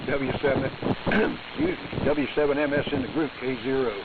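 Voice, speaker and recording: A man running a radio net, heard over AM radio with heavy static hiss, chatting in a relaxed way with many fillers. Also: medium pitch, moderate pace. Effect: received over AM radio, with heavy static hiss. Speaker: radio net control operator. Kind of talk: casual on-air chat. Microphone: radio transmitter. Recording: muffled AM radio with loud static.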